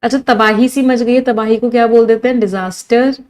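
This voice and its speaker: A woman's voice: a little high, steady tone, brisk, a little mellow, poor audio. Indian woman teaching English vocabulary. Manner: lists words one by one, quizzes students. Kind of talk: online vocabulary lesson.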